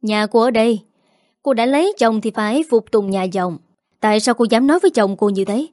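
A woman's voice: fairly high pitch, brisk, darkish tone, no room sound, studio quality, natural voice. A woman reading a storybook voices a harsh older mother-in-law who scolds in a biting, accusing tone. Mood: scolding.

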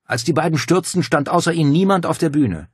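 A man's voice: on the high side, animated, brisk, husky, no room sound, clean studio sound, pitched above the performer's own voice. A man doing a blunt, brusque cop. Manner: blunt and dismissive. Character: brusque young male police partner, blunt. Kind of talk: audiobook character voice.

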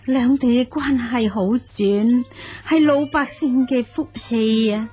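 In a Cantonese audio drama, a woman plays a learned noblewoman of ancient China, eager and humble. Her fairly high, slightly mellow voice moves slowly and emotively, with sighs and formally courteous, courtly phrasing over clear background music.

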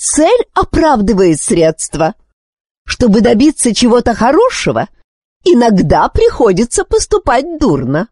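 A cunning, hot-tempered queen from a storybook, as a woman reader puts her on. Her voice rises high and swings widely with imperious force. Every line sounds close and dry. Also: wildly swooping pitch, measured pace, a little mellow, slightly rough, dry recording, full character voice. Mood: scornful. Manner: imperious, shrill when angered.

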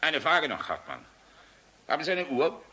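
An actor playing a proud, weary, sardonic middle-aged air force general in a radio play, commanding and grave, with deliberate pauses. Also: male voice, on the high side, very animated, bright, forceful tone, breathy edge, exaggerated voice. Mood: hearty, fatherly. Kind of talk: German radio play acting.

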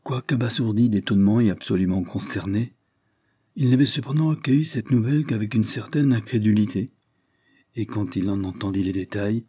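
A man narrating a Victorian novel as an audiobook in a measured, steady way, close to the microphone. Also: fairly low pitch, slightly rough, dry recording.

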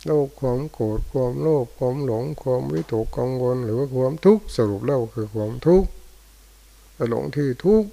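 An older male Buddhist monk, giving a dharma talk in short, unhurried phrases with pauses. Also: mid-range voice, expressive, creaky, mellow, rough recording. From Thailand. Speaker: monk teacher. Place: monastery hall after morning chanting.

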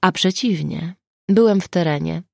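A woman voicing a calm, dryly ironic police sergeant who answers in a cool, level tone in an audiobook. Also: lowish voice, moderate pace, gravelly, dry recording, studio quality.

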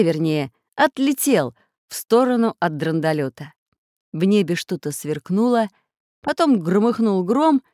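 A woman narrating a children's storybook in an expressive, animated reading voice. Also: mid-range voice, no echo, clean studio sound.

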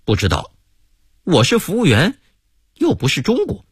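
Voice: medium pitch, huge pitch swings, normal speed, breathy edge, dry recording, clean studio sound, voice pushed up, exaggerated voice. A man putting on a sulky, mumbling hotel attendant. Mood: sulky, defensive. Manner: mumbling, defensive.

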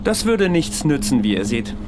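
A man's voice: fairly high pitch, very animated, moderate pace, over music. An actor playing a world-weary, undying ancient wanderer in an audio drama, telling his past in a wry, brooding manner. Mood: grim, reproachful. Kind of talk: audio drama dialogue and storytelling.

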